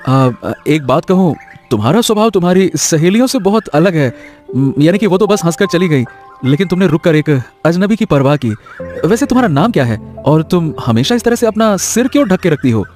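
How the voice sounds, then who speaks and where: A man's voice: high voice, expressive, a little fast, darkish tone, soft background music. A man voicing Anshul, a playful, kind-hearted young village man who coaxes and teases, in a cartoon story. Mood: earnest. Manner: teasing, coaxing. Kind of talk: Hindi cartoon voice acting.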